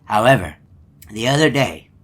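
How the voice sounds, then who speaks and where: An actor playing a folksy, long-winded, gullible hippo animatronic in a video game, telling stories in a polite, meandering way. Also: male voice, mid-range voice, very animated, moderate pace. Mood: genial, reminiscing. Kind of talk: video game character monologue.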